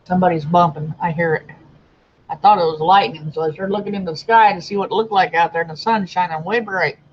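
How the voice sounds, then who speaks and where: A man's voice: high-pitched, fairly even intonation, fast, slight background noise. A man co-hosting a casual stream, giving short, teasing replies. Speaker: co-host. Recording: dull, muffled sound.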